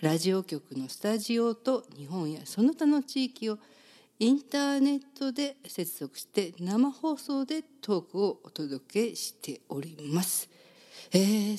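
Kansai woman, radio host, a little hoarse, chatty with lots of fillers and laughter, middle pitch. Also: mellow. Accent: Kansai Japanese. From Kansai, Japan. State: slightly hoarse voice. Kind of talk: community radio talk show. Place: radio studio.

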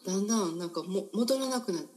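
A host with a Kansai accent leading a casual interview, chatty and teasing, with halting restarts. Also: mid-range voice, expressive, darkish tone. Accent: Kansai Japanese.

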